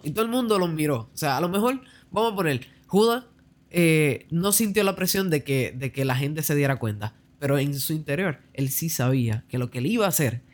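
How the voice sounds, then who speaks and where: Man, a bit higher-pitched, conversational theology talk, many fillers and tag questions.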